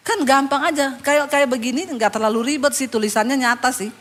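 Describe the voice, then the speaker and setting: A middle-aged woman pastor preaching a lively sermon, telling a story and acting out the people in it with humor. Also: sits high, a little fast. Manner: animated, acts out the people in her story with laughter.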